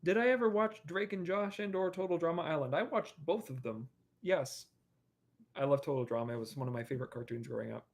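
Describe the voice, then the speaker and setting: Young man, casual stream chat, rambling with fillers, a bit high-pitched. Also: fairly quick. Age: young adult. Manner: rambling, many fillers and restarts. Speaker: animator and streamer.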